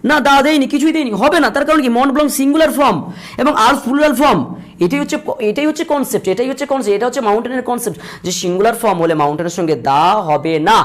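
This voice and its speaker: A man teaching a grammar lesson, repeating points and slowing down to spell out examples. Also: very high voice. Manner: repetitive, drills points, slows to spell out examples. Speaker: English teacher.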